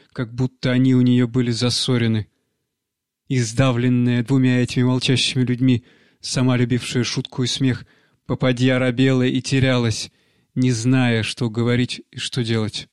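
A man narrating a classic short story as an audiobook, in a measured, even delivery. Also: mid-range voice, clean tone, dry recording, clean studio sound.

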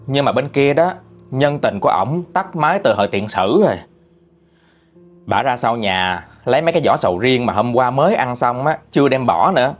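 A male storyteller with a Southern Vietnamese accent, chatty and exclamatory. His voice sits at a mid pitch but swings up and down with lively energy. Faint music plays underneath. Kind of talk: gossipy spoken storytelling.

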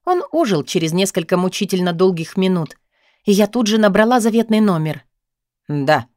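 A woman narrating a novel in the first person, in a steady, even storytelling manner. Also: medium pitch, brisk, no room sound, studio quality. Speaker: audiobook narrator.

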